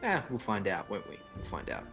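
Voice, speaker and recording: A man co-hosting a gaming livestream, relaxed and explanatory, with hesitant pauses. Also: on the low side, low-quality recording. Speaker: co-host and coach. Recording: game music behind.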